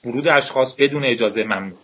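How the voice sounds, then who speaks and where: A man reading a novel aloud in a steady, measured storytelling voice with a husky tone. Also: mid-range voice. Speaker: audiobook narrator. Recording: dull lo-fi recording.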